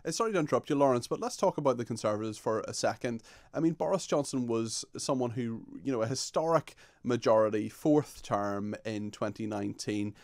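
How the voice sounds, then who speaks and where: A man's voice: mid-range voice, brisk, gravelly, darkish tone, no echo. A man in his thirties hosting a live radio phone-in, polite and often correcting himself, close on a studio microphone. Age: 30s. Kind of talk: live talk radio presenting. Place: small broadcast studio.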